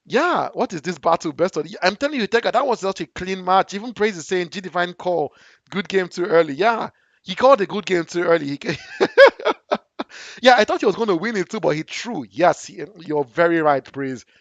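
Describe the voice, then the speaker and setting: A young man commentating a live game stream on his own, excitable and shouting at big plays, a little hoarse from talking. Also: sits high, brisk, dry recording, highs cut off. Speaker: esports commentator and stream host.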